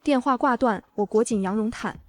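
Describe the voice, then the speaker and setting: A young woman voicing a calm, vengeful reborn heroine who narrates her own story in a cool, matter-of-fact way. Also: on the high side, normal speed, close to an everyday voice. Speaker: first-person narrator and heroine. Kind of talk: dramatic audio narration.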